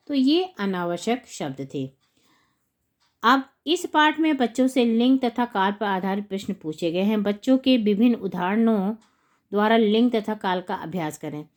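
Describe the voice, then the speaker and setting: A woman's voice: mid-range voice, darkish tone. A woman teacher walking through a school textbook lesson, breaking words into separate syllables as she explains. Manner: slow, spelling words out syllable by syllable.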